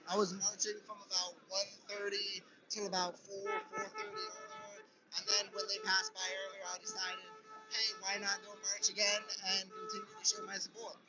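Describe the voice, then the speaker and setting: Brief: earnest protester, street interview, loud music behind. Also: mid-range voice, expressive, moderate pace, dull audio. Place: outdoors at a street march.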